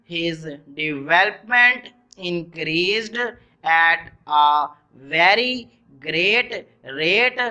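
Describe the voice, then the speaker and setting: Very slow, bright voice dictating text. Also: mid-range voice, expressive, low-quality recording. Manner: dictating in short measured chunks, announcing punctuation. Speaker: dictation reader. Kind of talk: slow dictation exercise, reading phrase by phrase with spoken punctuation.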